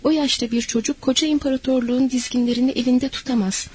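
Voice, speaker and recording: A woman's voice: sits high, steady tone, quick pace, darkish tone, breathy edge. A woman reading a stern, commanding emir. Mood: urgent, commanding. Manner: curt, commanding. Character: stern male emir, a scheming court commander.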